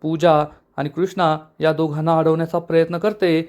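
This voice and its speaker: A man narrating a TV serial episode recap in a brisk storytelling manner. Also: on the high side, little pitch movement, a little mellow. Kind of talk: dramatic episode retelling.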